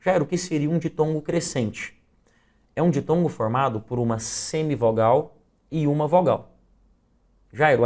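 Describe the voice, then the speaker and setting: A middle-aged man with a Brazilian accent leads an exam review lesson. His voice sits at an ordinary mid pitch. He works through the rules methodically and walks through each example in turn. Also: darkish tone. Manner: methodical, explaining step by step with examples. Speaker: teacher.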